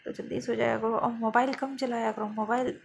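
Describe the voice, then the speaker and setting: Woman playing a fussy caring mom, gently scolding, flat tone, gravelly voice, hissy recording. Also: a little high, fairly quick. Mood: fussing. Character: fussing, caring middle-aged mother. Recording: noisy background hiss.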